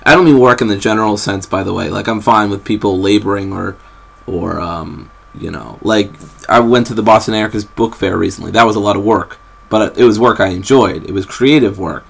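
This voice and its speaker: A young male vlogger sits on his bed and rambles casually, filling his talk with fillers and restarts, captured on the camera's built-in mic. His voice is very low, bassy and gravelly, yet the tone comes across fairly bright, and he speaks a little fast.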